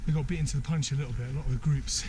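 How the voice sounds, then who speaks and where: A man's voice: medium pitch, fairly even intonation, rapid-fire, darkish tone. A man narrating his mountain trek in a casual, upbeat vlog, thinking aloud as he walks. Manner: chatty, upbeat, thinks aloud while hiking. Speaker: trekker filming his trek. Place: outdoors on a high mountain trail. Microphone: handheld camera. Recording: outdoor camera mic with clear wind and ambient noise. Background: mountain ambience, helicopters.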